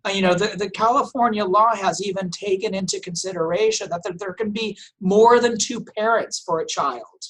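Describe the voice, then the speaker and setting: A man's voice: high-pitched, moderate pace, few pauses, fairly bright tone. A middle-aged man from Portugal, a native Portuguese speaker, talking as a family law guest on a podcast. He speaks thoughtfully, often restarting his sentences and using fillers. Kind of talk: conversational podcast interview.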